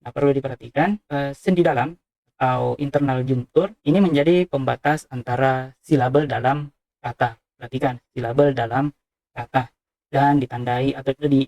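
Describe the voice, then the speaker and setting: A man's voice: medium pitch, darkish tone, no room sound. A man giving a university lecture, explaining step by step with frequent "eh" fillers. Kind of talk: recorded lecture on speech sounds.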